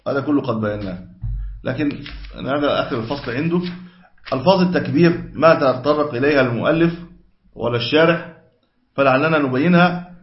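A man's voice: medium pitch, fairly quick, long pauses. A man teaching a religious law lesson, explaining step by step and correcting his own wording as he goes, on a dull, echoey lo-fi recording. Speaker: sheikh teaching Islamic law. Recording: echoey room, dull lo-fi sound.

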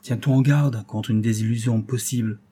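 A male audiobook reader voicing an anxious, wealthy old banker who speaks gravely and protectively to his daughter. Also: mid-range voice, fairly even intonation, normal speed, warm tone, close to an everyday voice. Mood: tender.

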